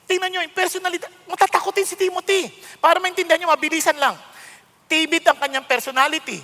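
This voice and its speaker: Filipino man in his sixties, preacher, very high bright voice, long reverb. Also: level tone, fast. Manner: mixes Tagalog and English, emphatic and conversational, sudden loud outbursts. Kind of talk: sermon.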